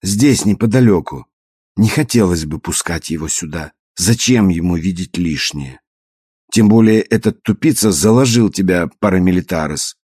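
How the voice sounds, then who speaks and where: A man reading an audiobook, voicing a brisk, caring young woman who teases and reassures. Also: low voice, animated, darkish tone, husky, no room sound, studio quality. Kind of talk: audiobook character voice.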